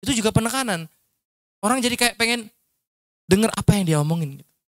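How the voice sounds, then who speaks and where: A man's voice: high-pitched, lively intonation, fast talker, no echo, studio quality. Casual male workshop lecturer. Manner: explanatory, casual, demonstrates tones with his voice. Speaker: Islamic preacher teaching public speaking. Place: training session at an Islamic school.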